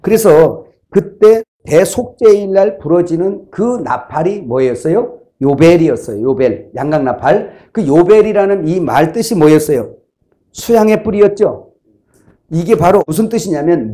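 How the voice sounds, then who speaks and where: Korean pastor preaching with mellow animated voice. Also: male voice, high-pitched. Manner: animated storytelling, acting out voices and laughing. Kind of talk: sermon.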